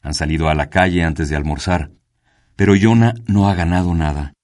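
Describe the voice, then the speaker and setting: A man narrates a story in a measured, unhurried way. His voice is very deep and steady throughout. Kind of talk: scripted narration.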